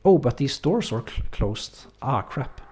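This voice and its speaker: At medium pitch and a little slow, a slightly rough-voiced Norwegian man runs a let's-play stream. He talks casually and hesitantly with viewers, using lots of fillers and reading chat messages aloud in a relaxed manner.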